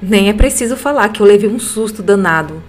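A woman with a Brazilian Portuguese accent, reading listener-sent ghost stories aloud as a podcast narrator in a calm, steady storytelling manner. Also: mid-range voice, fairly quick. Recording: faint music bed behind the voice.

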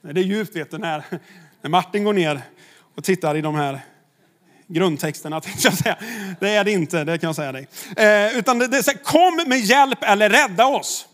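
A man's voice: high voice, expressive, a bit bright. A man, a pastor, preaching a sermon in a conversational way, with rhetorical questions to the congregation.

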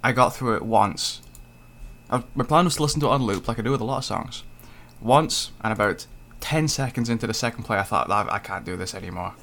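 A man's voice: medium pitch, a little fast, a bit bright. A man co-hosting a casual music review podcast, blunt and dryly critical. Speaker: podcast co-host.

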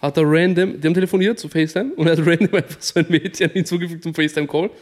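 Quick young man with a higher voice. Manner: animated, slangy anecdote-teller. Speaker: podcast co-host. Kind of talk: casual chat.

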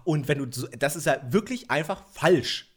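A man's voice: a little high, animated, normal speed, husky. A man in casual conversation, telling a workplace story animatedly, laughing easily and tripping over his words. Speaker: podcast co-host. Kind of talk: casual chat.

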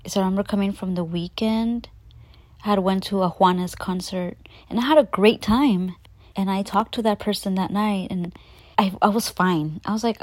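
A young woman hosting a podcast, talking through her struggles in an emotional, halting way, sometimes dropping to a whisper. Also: on the low side, no echo. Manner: emotional, halting, with frequent restarts and soft whispered stretches. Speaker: podcast host. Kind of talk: personal confessional monologue.

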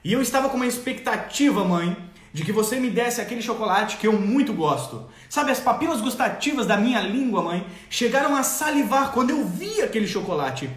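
An absurdly eloquent little boy pleads his case in mock-formal speech, as a man puts him on. The voice sits high and swings widely in pitch. It rings in a roomy, echoing space. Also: lively intonation, a little fast. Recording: roomy echo.

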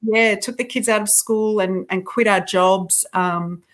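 A woman's voice: mid-range voice, fairly even intonation, measured pace, slight background noise. Thoughtful middle-aged woman author. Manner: thoughtful, self-deprecating, frequent restarts. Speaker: author guest. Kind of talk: reflective interview talk.

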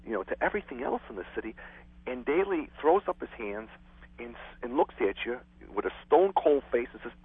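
A man's voice: medium pitch, animated, fairly quick, husky, no echo. A man from Chicago, a former city clerk, chatting frankly with a laugh as a guest over the telephone. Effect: heard over a telephone line. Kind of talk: phone interview. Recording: tinny dry phone line.

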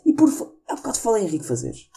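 A man with a European Portuguese accent delivers a loose comic monologue from home. His voice is husky and dark, and he rambles and teases his own jokes as he goes. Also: high voice, huge pitch swings, fast. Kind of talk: casual comedic monologue. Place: at home during lockdown.

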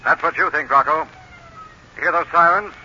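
An actor playing a mysterious male avenger who taunts a criminal in a 1940s radio drama, slow and deliberate, with a mocking laugh. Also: fairly high pitch, sharp tone, breathy edge, full character voice. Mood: taunting. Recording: dull old radio broadcast with hiss.

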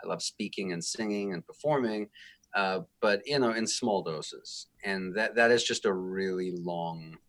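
A man's voice: low-pitched, measured pace, a bit bright. A man speaking as a guest music therapist, talking in a thoughtful, reflective, self-deprecating way in a casual interview.

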